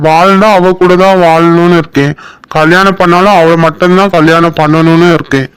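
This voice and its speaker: Guy doing a playful teasing young cartoon boyfriend, smooth clear voice, slightly high. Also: steady tone, fairly quick, fairly bright tone, lightly acted. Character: young man, teasing and affectionate sweetheart. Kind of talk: cartoon voice acting.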